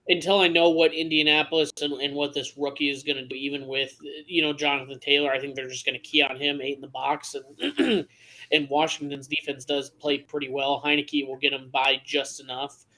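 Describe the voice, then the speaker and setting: A man's voice: fairly high pitch, fairly even intonation, moderate pace, pushed and bright. A man co-hosting a casual sports betting chat, blunt and stammering into his points. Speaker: podcast co-host.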